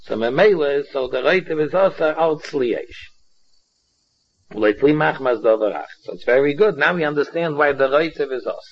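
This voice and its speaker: A dull, slightly muffled recording of a man with a Yiddish accent. His voice sits a little high. He teaches a religious text step by step, often stopping and restating a phrase before moving on. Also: animated. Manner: halting, repetitive, restating phrases as he explains. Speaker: Talmud teacher. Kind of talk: religious text lesson, explaining line by line.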